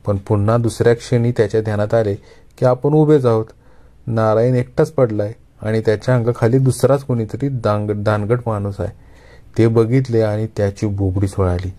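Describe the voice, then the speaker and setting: Low-voiced male storyteller. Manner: measured, expressive narration. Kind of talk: Marathi kathakathan storytelling.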